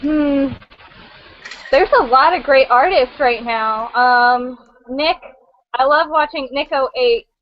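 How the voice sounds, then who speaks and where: A woman guest chats slowly on a live show and thinks aloud between her remarks. Her voice sits high. The audio is muffled. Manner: unhurried, thinking aloud with fillers. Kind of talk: casual chat.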